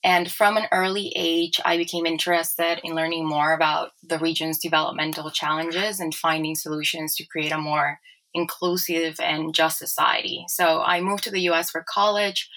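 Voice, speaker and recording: A woman in her twenties from Ecuador talks through her company in a measured, articulate interview. Her voice sits low and carries a gravelly texture. The tone is bright and forward. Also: fairly even intonation, rough recording. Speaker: company co-founder. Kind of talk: interview answers.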